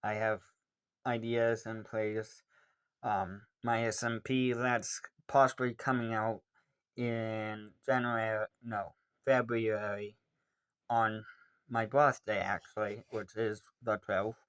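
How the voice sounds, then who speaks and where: A young man in his late teens answering viewer questions in a casual, rambling way, with many pauses and ums. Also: on the low side, level tone, clean tone. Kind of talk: casual Q&A monologue.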